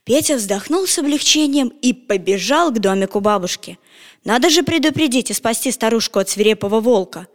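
A woman narrating a children's storybook in an expressive, animated way. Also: a little high, fairly quick. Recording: long echoing reverb.

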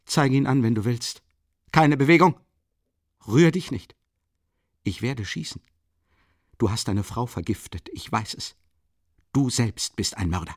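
A man voicing a furious young woman who holds a gun, shouting fierce accusations in an audiobook reading. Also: medium pitch, normal speed, no echo, clean studio sound, pitched above the performer's own voice, natural voice.

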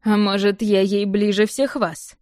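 A woman's voice: medium pitch, little pitch movement, a little slow, darkish tone, dry recording, lightly acted. Woman voicing a teasing young man, playful and cocky, dry close sound.

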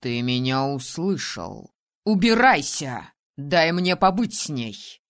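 A woman reading an audiobook and voicing a hoarse, furious male ruler who shouts and snaps. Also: low voice, animated, unhurried. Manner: shouting, snapping, biting.

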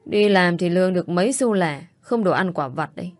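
A woman voicing a drunk, remorseful young man who calls out loudly and mumbles. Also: fairly low pitch, animated, brisk, no room sound, lightly acted. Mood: drunken mumbling. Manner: loud drunken calling and slurred mumbling.

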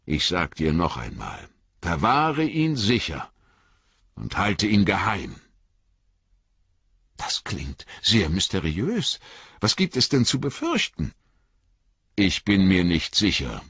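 A man reading an audiobook, voicing an old, grave and cautious male wizard who speaks in measured warnings. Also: low-pitched, wildly swooping pitch, a bit bright, husky, no room sound, voice pushed up, heavily acted. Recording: dull lo-fi audiobook recording.

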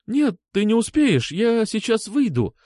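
A man's voice: sits high, sing-song, a little slow, darkish tone, dry recording, clean studio sound, voice pushed up, exaggerated voice. A man reading an audiobook, voicing a frightened young woman who speaks through tears and pleads. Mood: frightened pleading. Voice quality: tearful, pleading.

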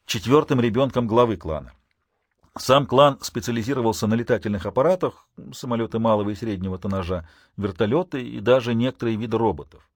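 A man's voice: mid-range voice, no room sound. Man narrating with dry irony. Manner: dry, ironic asides. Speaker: audiobook narrator. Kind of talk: first-person audiobook narration.

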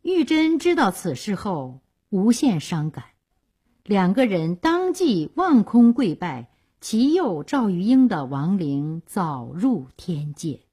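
Woman telling an old story on the radio, slow and lively, kinda husky. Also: mid-range voice.

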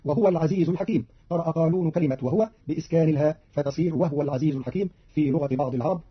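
A male radio announcer reads a formal scripted explanation at a rapid clip, his voice slightly raised in pitch and husky. It comes through a dull, lo-fi archival radio recording. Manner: brisk, even, formal reading. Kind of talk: scripted explanation of recitation variants.

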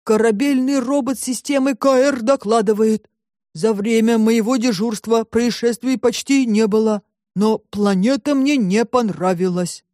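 Woman doing a slow stubborn ship robot. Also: fairly high pitch, no room sound, studio quality, close to an everyday voice. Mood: plodding. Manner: slow, measured, flat report-like speech.

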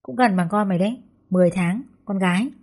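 A woman reading the lines of a loud, blunt young mother who is the narrator's best friend, with a husky, mellow tone. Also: medium pitch, fast, lightly acted. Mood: casual. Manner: loud, blunt, swears casually. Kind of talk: audiobook character dialogue.

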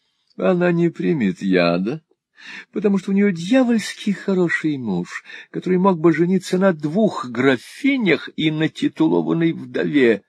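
A man's voice: fairly high pitch, sing-song, unhurried, vocal fry, a little mellow, husky, no echo, pitched above the performer's own voice, exaggerated voice. A man putting on a gushing, pompous dandy husband. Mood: swaggering. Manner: gushing, languid, swaggering exclamations. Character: foppish, pompous middle-aged husband, theatrical swearer.

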